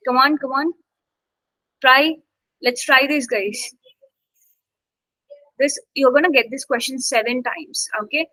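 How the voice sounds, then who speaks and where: A woman's voice: sits high, takes it slowly, long pauses, bright, forceful tone, dry recording, low-quality recording. A woman instructor teaching a live online English class. She keeps checking in with "okay?" and coaxes her students to speak up.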